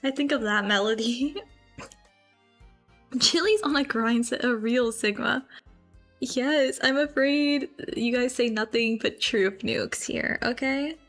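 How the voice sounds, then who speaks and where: Woman streamer, high voice, playful and giggly, faint background music. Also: takes it slowly, a bit bright. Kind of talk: casual chat with viewers. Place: grandmother's house.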